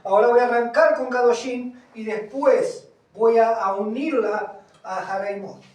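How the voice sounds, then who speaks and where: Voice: mid-range voice, fairly even intonation, a little slow. Echoey preacher, far from the mic. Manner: emphatic, asks the congregation questions. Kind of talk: sermon with Bible reading. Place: congregation hall, also streamed.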